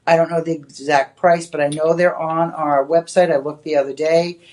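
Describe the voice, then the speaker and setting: A shopping channel host with a Boston accent delivers a live on-air sales pitch in a TV shopping studio. Her low-pitched voice is level in tone, a little mellow, and moves at normal speed. Her patter is loose, chatty and rambling, packed with "you know"s.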